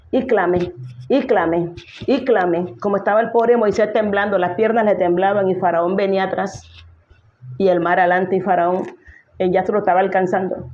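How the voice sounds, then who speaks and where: A woman's voice: medium pitch, highs cut off. A woman pastor preaching a sermon emphatically, speaking directly to her listeners and asking them rhetorical questions.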